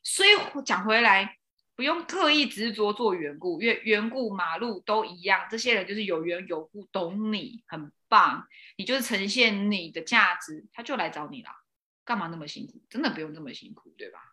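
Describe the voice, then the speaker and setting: Animated woman storyteller, bright voice. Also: medium pitch, moderate pace. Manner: animated, acts out dialogue, laughs often. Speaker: host. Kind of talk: casual chat, personal storytelling.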